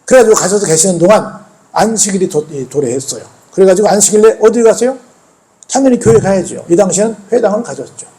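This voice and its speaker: Man, pastor, sermon in church, high-pitched, conversational, rhetorical questions. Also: lively intonation, fast, warm tone.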